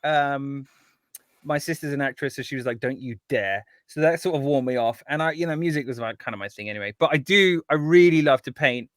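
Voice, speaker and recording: A man's voice: on the high side, fairly quick, no room sound, studio quality. A man from England, a guest composer, chatting casually and rambling with lots of ums. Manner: relaxed, rambling, full of ums. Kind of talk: casual chat.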